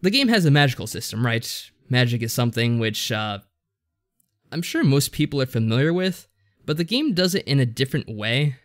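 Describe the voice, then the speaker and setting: This co-host's brisk, sing-song, mid-range voice carries a casual podcast recap of a visual novel. He rambles and sounds hesitant as he goes over events.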